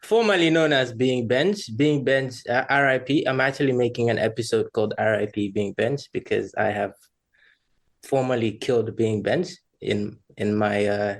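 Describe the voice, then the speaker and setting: A man from Rwanda, a freelance creative, chats casually about personal matters as a podcast guest. His mid-range voice moves at a normal speed, and he comes across as candid and self-deprecating.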